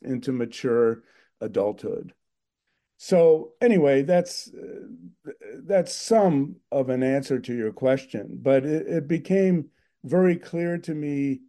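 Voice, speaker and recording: Older man, very dark mellow voice, earnest, thoughtful, interview guest. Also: mid-range voice. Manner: thoughtful, earnest, with frequent fillers. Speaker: guest filmmaker. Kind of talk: reflective interview talk.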